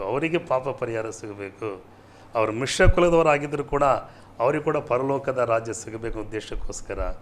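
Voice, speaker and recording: A man with a Kannada accent, a pastor on a TV programme, teaching from the Bible and answering viewer questions with rising fervour. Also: slight background noise. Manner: fervent, rises in pitch and volume when quoting scripture.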